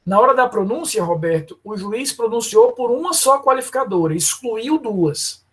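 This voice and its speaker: A man's voice: extremely high pitch, lively intonation, moderate pace, fairly bright tone, slightly rough. A man teaching law in a lecture, explaining step by step and calling on students by name. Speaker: law professor. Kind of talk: live online lecture.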